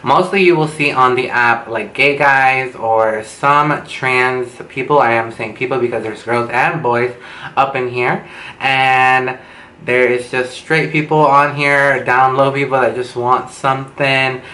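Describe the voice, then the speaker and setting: Recorded in an echoey room with faint noise behind him, a young man vlogging a storytime sounds gossipy, campy and dramatic, stretching out words while his retainers give him a slight lisp. He's a chatty beauty vlogger whose medium-pitched voice stays steady, pushed and bright.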